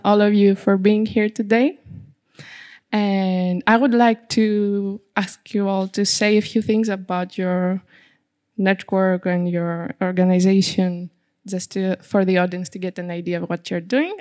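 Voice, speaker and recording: A woman with a Greek accent introduces a live panel as its moderator. She takes her time at a medium pitch, pausing now and then to find the next word. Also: level tone, darkish tone. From Greece.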